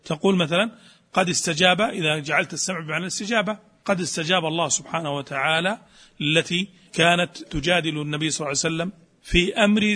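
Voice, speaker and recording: A man's voice: high-pitched, bright, forceful tone. A man giving a scholarly lecture who keeps asking rhetorical questions and answering them himself. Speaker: teacher of Quranic studies.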